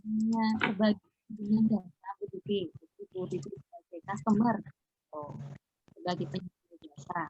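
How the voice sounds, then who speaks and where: A woman moderating an online panel from home. She asks questions in short, halting phrases, and her call audio keeps breaking up and cutting out. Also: medium pitch, sing-song, gravelly, a little mellow. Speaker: webinar moderator. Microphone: video call. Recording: dull lo-fi call line with faint noise.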